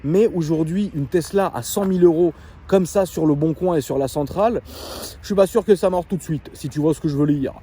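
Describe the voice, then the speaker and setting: A man telling a story casually in a vlog, chatty and animated with many fillers, then showing off his car from inside it. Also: fairly high pitch, brisk, breathy edge. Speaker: car vlogger.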